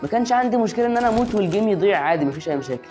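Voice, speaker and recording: Fast-talking Egyptian woman narrating gameplay. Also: medium pitch. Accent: Egyptian Arabic. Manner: excitable, chatty, talks straight to the viewer. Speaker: gaming channel host. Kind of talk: shooter gameplay commentary. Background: game music and gunfire.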